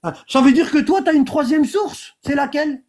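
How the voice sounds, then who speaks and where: Heated, high-voiced live debate host. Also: male voice, normal speed, darkish tone. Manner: argumentative, repeats himself.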